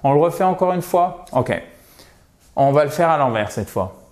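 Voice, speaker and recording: A man's voice: fairly high pitch, expressive, darkish tone. A man teaching a pronunciation lesson, repeating words in careful drills and speaking straight to his viewers with a light teasing tone. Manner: slow, drilled repetition with pauses; addresses viewers directly and teasingly. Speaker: English teacher.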